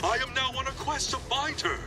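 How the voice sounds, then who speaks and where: A man's voice: very high voice, expressive, over music. A man playing an earnest, cocky yakuza hero in a video game, introducing himself with theatrical grandeur. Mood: proud, theatrical. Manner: grandiose, slow storytelling.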